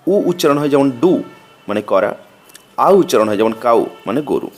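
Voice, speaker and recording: Guy reading out a grammar lesson slow and steady, bengali first language, voice bounces up and down a lot. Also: mid-range voice, soft background music. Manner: slow, methodical recitation of letters and meanings. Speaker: teacher.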